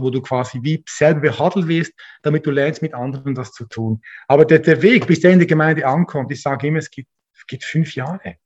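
Earnest pastor, husky voice. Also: male voice, on the high side, lo-fi sound. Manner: earnest, frequent restarts and repeated words. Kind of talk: interview, casual conversation.

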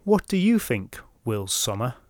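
A man voicing a hearty innkeeper woman who talks brightly and hospitably with a lifted pitch. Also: big pitch swings, a little slow, no room sound, studio quality. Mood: hospitable. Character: hearty middle-aged woman innkeeper, fond of drink.

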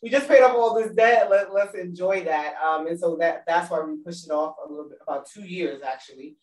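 A woman's voice: lowish voice, brisk, a little mellow. Woman in casual chat, echoey and distant. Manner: chatty, laughs easily. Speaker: guest, mother. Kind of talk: casual chat about money. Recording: roomy, distant mic.

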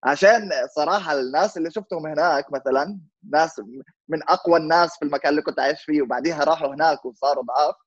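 Young male interview guest, Levantine Arabic accent, quick casual explainer, slightly high voice, dull recording. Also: no room sound. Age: 20s. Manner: informal, explanatory, checks listener understands. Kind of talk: casual conversational interview with English words mixed in.

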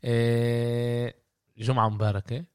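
A man with a Palestinian Arabic accent hosting a casual sports podcast, often halting and searching for words. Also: medium pitch, level tone, darkish tone, smooth, no room sound, clean studio sound. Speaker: podcast host.

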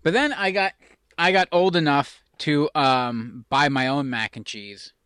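A man with a fairly high, forceful and bright voice, recorded close and dry. He chats casually as a co-host, wandering through anecdotes with a self-deprecating streak. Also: a little slow, clean tone, no room sound. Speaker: talk show co-host.

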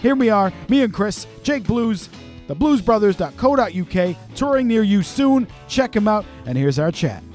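A man's voice: sits high, very animated, normal speed, darkish tone, faint music behind. A man hosting a podcast, talking casually and with gushing enthusiasm. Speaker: podcast host and musician.

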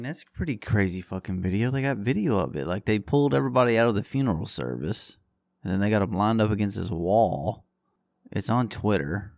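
A man's voice: deep voice, vocal fry, darkish tone, no room sound, clean studio sound. A man hosting a podcast alone, ranting in a crude, rambling, combative way with constant swearing. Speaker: podcast host. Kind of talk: profane solo podcast rant.

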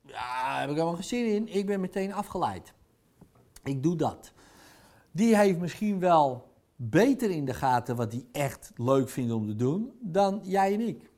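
A man's voice: medium pitch, darkish tone. A man speaking in a blunt, provocative, conversational monologue, dropping in crude words as a speaker or coach. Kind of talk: casual monologue.

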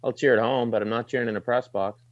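A man's voice: medium pitch, fairly even intonation, fast, no echo, highs cut off. A middle-aged man with a light Maritime Canadian accent, chatting casually and informally in an interview as a sports broadcaster, plain-spoken and slangy. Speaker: sports broadcaster, desk anchor.

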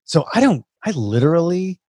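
A man's voice: a little high, very animated, moderate pace, mellow, breathy edge, dry recording, clean studio sound. A man speaking as a podcast guest, chatting casually in an earnest, effusive way. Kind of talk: casual interview conversation.

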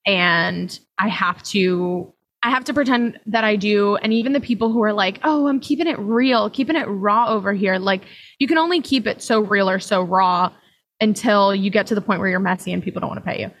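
A woman's voice: mid-range voice, brisk, a bit bright, rough recording. A young adult woman guesting on a podcast, speaking candidly and reflectively with frequent fillers. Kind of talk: casual conversational interview.

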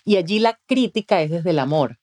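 Venezuelan woman, podcast guest, low-ish voice, expressive, peppers talk with "¿ves?". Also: brisk. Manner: expressive, acts out quoted voices, frequent "¿ves?". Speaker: communication mentor, guest. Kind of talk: animated interview talk. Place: podcast studio.

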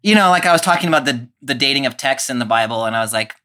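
A man's voice: medium pitch, lively intonation, very fast, sharp tone. A man co-hosting a podcast in casual chat, jokey and self-deprecating. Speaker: podcast co-host.

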